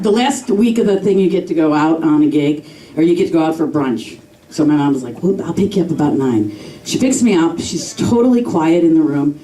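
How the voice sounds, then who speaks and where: A woman's voice: lowish voice, dark tone. A woman in her fifties from Chicago doing a candid, self-mocking stand-up set on a club stage, swearing freely. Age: 50s. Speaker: stand-up comedian. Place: comedy club stage, audience laughing. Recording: distant echoey club recording with crowd noise.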